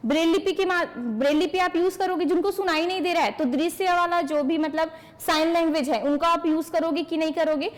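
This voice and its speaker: Woman, teacher, high voice, exam-prep lecture, asks and answers her own questions, online class. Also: fairly quick. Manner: explains by asking questions and answering them; addresses online students by name.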